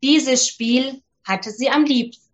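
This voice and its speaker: Slow, high-voiced woman reading a fairy tale. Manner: slow, gentle and clearly spoken for children. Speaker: storyteller for children.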